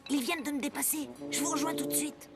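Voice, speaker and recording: A woman playing an excitable, shouty kid playing spy on a walkie-talkie in a French-dubbed film, with music over it. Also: high voice, fast talker, creaky. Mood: urgent.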